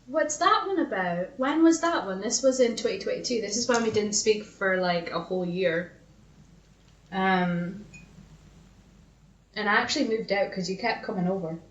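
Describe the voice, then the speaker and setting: A medium-pitched woman co-hosts a podcast at a moderate pace, recounting personal stories in informal chat. She swears a lot and often giggles. The room is echoey and the sound slightly dull.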